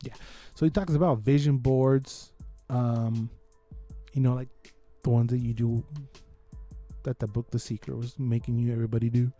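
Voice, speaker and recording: Mellow, dark-voiced man chatting. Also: medium pitch, little pitch movement, moderate pace, faint music behind. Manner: slangy, informal. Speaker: podcast host. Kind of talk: casual chat, reviewing games and comedy specials.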